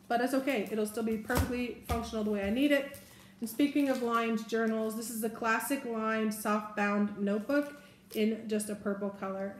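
A woman's voice: mid-range voice, a little hiss or hum. A woman in her forties chatting casually and a bit rambling as she shows off her shopping haul to a camera at a table. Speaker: haul vlogger. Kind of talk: casual product haul chat. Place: room indoors, seated at a table. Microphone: camera in front at table distance. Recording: echoey room.

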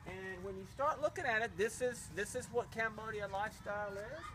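A man's voice: high voice, fairly quick, noisy background. A middle-aged man from a charity giving a casual, grateful vlog tour at a village well, speaking outdoors into a handheld camera. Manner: enthusiastic, grateful, explaining as he walks. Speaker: charity representative. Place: outdoors at a village well and a small new house.

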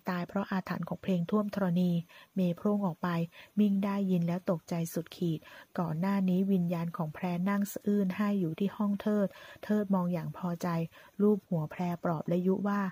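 A woman tells a drama story in a low, husky, warm-toned voice. She reads every character's lines herself with only small shifts. The recording is close and dry. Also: steady tone, a little fast, few pauses. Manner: reads all parts in one voice, quoting lines with light shifts. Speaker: narrator.

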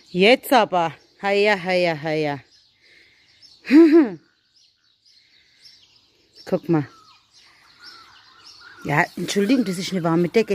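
On a village farm, a chatty woman vlogs casually and coaxes animals while mixing German, English and Arabic. Her voice is mid-range and darkish in tone, with slight background noise.

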